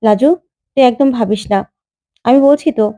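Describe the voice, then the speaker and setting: A woman's voice: a little high, normal speed, mellow, no echo, close to an everyday voice. A woman voicing a tender, reassuring old grandmother in a retold TV drama, speaking in a soothing, affectionate way.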